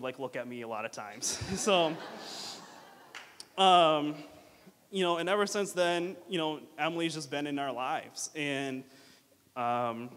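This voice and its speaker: A man giving a rambling, informal and joking best man speech at a wedding, halting along with false starts and repeated fillers. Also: mid-range voice, a bit bright. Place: reverberant hall at a wedding reception. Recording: long hall reverb.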